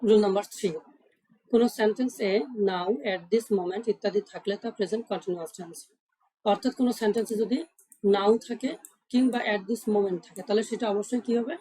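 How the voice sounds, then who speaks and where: A woman's voice: mid-range voice, fairly even intonation, brisk, warm tone, slightly rough, poor audio. A woman teaching English grammar rules step by step. She asks questions and then answers them herself, and she repeats the key points.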